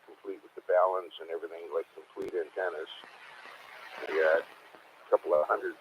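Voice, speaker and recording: A man's voice: sits low, flat delivery, moderate pace. An older man chatting in an easygoing, rambling, folksy way as a caller, heard over a ham radio. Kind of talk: casual chat. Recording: muffled radio transmission with clear static.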